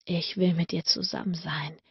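A woman voicing an intense adult male lover, speaking low and murmured with a rough, deep tone. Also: little pitch movement, moderate pace, dry recording, muffled recording, full character voice. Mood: sleepy, tender. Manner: low, murmured, breathy delivery.

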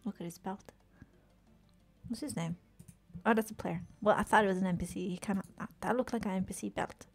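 A woman streaming a video game, chatting casually, swearing often and reacting with quick exclamations. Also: mid-range voice, vocal fry, breathy edge, soft background music. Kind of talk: casual live-stream commentary while playing.

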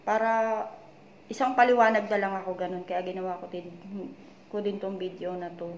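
A woman from the Philippines vlogging, anxiously retelling conversations in a low, weak voice. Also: steady tone, normal speed, lo-fi sound. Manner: retells conversations, repeatedly tagging them with "she said"; worried, confiding tone. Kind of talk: personal story-time vlog. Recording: echoey room with faint background noise.

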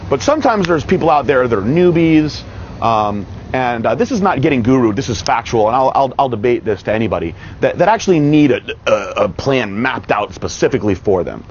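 A man's voice: medium pitch, very animated, a little fast. A man in his thirties coaching outdoors in a parking lot, speaking confidently and emphatically on a lapel mic. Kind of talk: casual outdoor interview. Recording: dull audio with faint outdoor noise.

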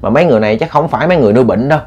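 Man, ghost story narration, colloquial and repetitive, middling pitch. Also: animated, very fast, darkish tone, slightly rough, lo-fi sound.

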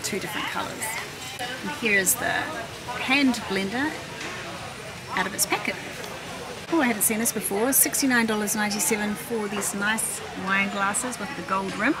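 With loud music playing behind her, a middle-aged shopping vlogger talks at a moderate pace, musing out loud as she narrates her trip through a big indoor warehouse store. Someone behind a handheld camera is filming her. The store is noisy, with a steady hum and a loud rumbling ambience.

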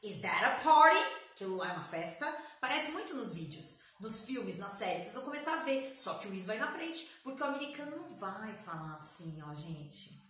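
A woman from Brazil giving a casual English lesson, emphatic and lively, sounding out slow English examples. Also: medium pitch. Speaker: English teacher. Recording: echoey room, distant mic.

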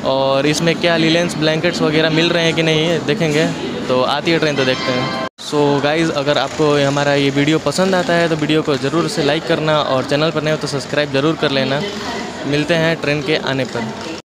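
A man's voice: on the high side, fairly even intonation, a little fast, over loud music. Young man vlogging on a station platform. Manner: chatty, addresses viewers directly. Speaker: travel vlogger. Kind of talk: casual travel vlog. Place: outdoor railway station platform. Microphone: wired earphone mic.

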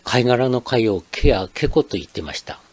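An older man from Akita, Japan, reading a scripted narration as channel host in a measured, explanatory way. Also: mid-range voice, lively intonation, slightly rough.

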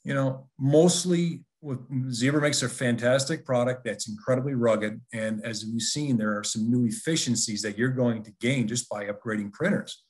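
Male webinar presenter, conversational and persuasive, average pitch. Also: normal speed, few pauses. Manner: conversational, persuasive, with frequent restarts.

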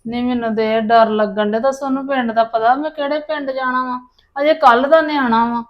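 A woman's voice: high voice, fairly even intonation, brisk, highs cut off, close to an everyday voice. A woman playing a fretful, lamenting grandmother. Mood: anxious. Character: anxious paternal grandmother of a missing boy.

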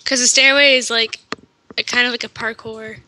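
Very bright, giggly woman gamer. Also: on the high side, steady tone, a little hiss or hum, rough recording. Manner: playful, giggly, quick reactions. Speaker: gaming co-player. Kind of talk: casual gameplay chat.

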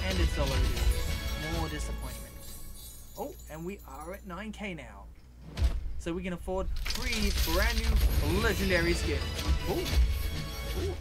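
A man chatting excitedly as he opens loot boxes in a game, with frequent delighted exclamations and chuckles. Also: on the high side. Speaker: gaming video creator. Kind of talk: live commentary on opening game loot boxes. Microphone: desktop computer microphone. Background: loud game music.

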